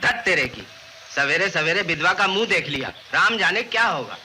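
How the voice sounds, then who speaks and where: Superstitious village man muttering, sharp high voice. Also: big pitch swings, normal speed, slight background noise, exaggerated voice. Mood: annoyed. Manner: muttering complaint.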